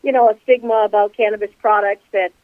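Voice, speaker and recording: A woman in her sixties answers interview questions over a tinny phone line. She talks in a measured, unhurried way, leaning on fillers as she thinks, and the sound is dry and close. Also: medium pitch, fairly even intonation, dry recording. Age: 60s. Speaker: guest, commercial realtor and company co-founder.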